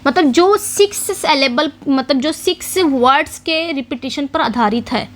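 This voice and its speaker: Woman teacher with a high voice, exam-prep lecture, quiz-style questions and repetition. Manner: explains in Hindi mixing English terms, repeats key points with quiz questions; reads English question text slowly. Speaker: English literature teacher.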